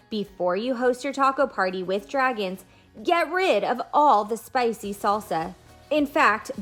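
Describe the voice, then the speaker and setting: This is a woman with a mid-range, fairly bright voice. Reading a picture book aloud as a teacher, she speaks directly to little kids in plain words, explaining things simply and asking them questions.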